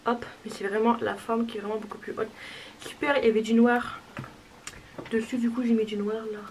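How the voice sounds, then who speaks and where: A woman's voice: fairly high pitch, flat delivery, fairly quick, darkish tone, a little hiss or hum, low-quality recording. A young woman chatting casually through a makeup tutorial, self-deprecating and talking while she applies products. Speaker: beauty vlogger.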